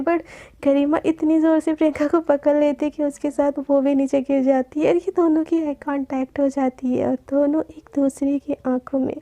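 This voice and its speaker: A woman's voice: high voice, dark tone. A woman narrating a romance story episode in a chatty way, speaking to her listeners as friends.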